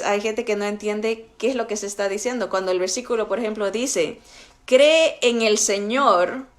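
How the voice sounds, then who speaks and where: A woman teaching a Bible lesson in a conversational way, often stopping to ask her listeners if they follow. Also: fairly high pitch. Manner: conversational teaching, frequent fillers and tag questions. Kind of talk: recorded Bible study lesson.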